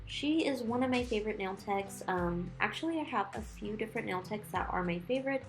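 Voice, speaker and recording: A nail art video creator narrates a tutorial in a casual, chatty voice-over with music behind her. Her medium-pitched voice is expressive and a little fast, and new dental work gives her a lisp that makes her s sounds slushy. She rambles informally.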